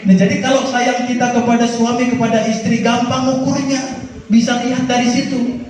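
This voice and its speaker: A man preaching a sermon on parenting to mothers, speaking in an animated way, his pitch swinging between high and low as he addresses the audience. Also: normal speed, a little hiss or hum. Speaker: Islamic preacher. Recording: echoey, distant, dull lo-fi hall recording.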